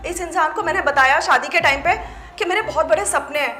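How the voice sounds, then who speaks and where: A woman's voice: sits high, fairly quick, pushed and bright. An actress playing a principled woman boss who firmly scolds her staff in defense of her husband. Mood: indignant. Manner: firm, scolding, reproachful. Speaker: office boss and wife. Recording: echoey room with faint music.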